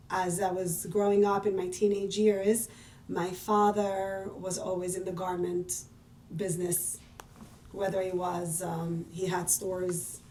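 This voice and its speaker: Chatting in a casual interview, a podcast guest from Israel who owns a business laughs readily and pokes fun at herself. She has a mid-range voice with a darkish tone, and the mic sits at a distance, making the recording roomy.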